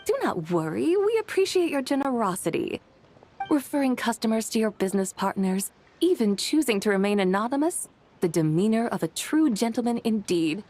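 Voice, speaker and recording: Zibai, a composed, formal game heroine. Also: female voice, a little high, sing-song, darkish tone, slight background noise. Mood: composed, courteous. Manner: formal, measured, matter-of-fact. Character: calm, earnest, dignified woman, literal-minded and scholarly. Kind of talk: video game voice acting.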